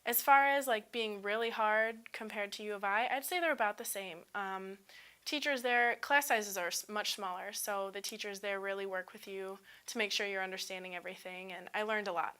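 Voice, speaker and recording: Bright-voiced young woman student. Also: medium pitch, steady tone, moderate pace, smooth. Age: 20s. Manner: upbeat, casual, frequent ums and likes. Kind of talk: unscripted testimonial.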